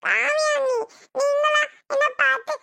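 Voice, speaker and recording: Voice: extremely high pitch, steady tone, unhurried, gravelly, pushed and bright, no room sound, exaggerated voice. A voice actor playing a meek, hurt younger sister-in-law in a cartoon, speaking with a Tirunelveli Tamil accent. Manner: meek, hesitant. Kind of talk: cartoon voice acting.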